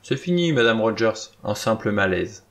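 A man's voice: fairly low pitch, normal speed, creaky. A man reading an audiobook, voicing a brusque middle-aged doctor who speaks soothingly. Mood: brisk. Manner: calm, reassuring.

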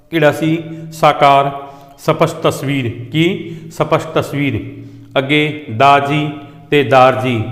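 A male teacher going through a vocabulary list for pupils. He asks what each word means, answers it himself and repeats the meaning twice. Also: on the high side. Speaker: Punjabi teacher. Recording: roomy echo with long reverb.

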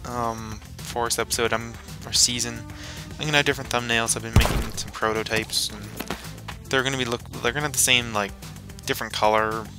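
Music plays in the background as a man hosting a gaming video rambles through casual let's play commentary, talking to himself while playing. His mid-range voice moves fairly quickly with fairly even intonation.

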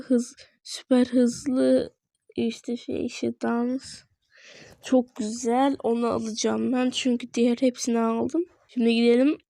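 Young woman gamer, high and warm voice, chatty and quick to get annoyed, narrating her screen to viewers. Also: dry recording, studio quality. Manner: chatty, easily frustrated, talks to viewers. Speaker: gaming video creator. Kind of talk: casual gameplay commentary.

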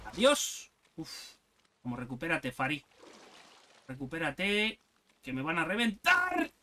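Man, casual gameplay commentary, high lively voice, bright tone, faint hiss behind. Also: slow. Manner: excitable, swears often, sarcastic asides. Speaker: gaming youtuber.

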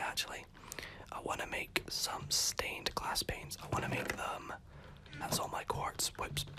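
Whispering softly, a gaming host chats his way through gameplay, self-correcting as he talks, his voice going hoarse and the odd cough slipping out.

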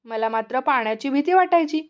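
High-voiced woman telling a story. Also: fairly quick, muffled recording. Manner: gentle, expressive storytelling. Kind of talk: audiobook narration.

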